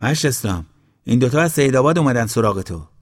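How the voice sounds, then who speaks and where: A man's voice: medium pitch, expressive, voice pushed up, natural voice. A man voicing an eager young village man, the neighbor's son, in a storybook reading. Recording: long hall reverb.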